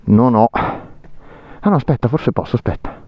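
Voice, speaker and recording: A man's voice: medium pitch, lively intonation, a little slow, lo-fi sound. A man chatting casually for a motorcycle vlog from inside his helmet, thinking aloud as he goes. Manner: thinking aloud while riding and fixing the bike. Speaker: motorcycle vlogger. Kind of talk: casual riding vlog chat. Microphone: helmet microphone. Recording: helmet mic, clear outdoor engine noise.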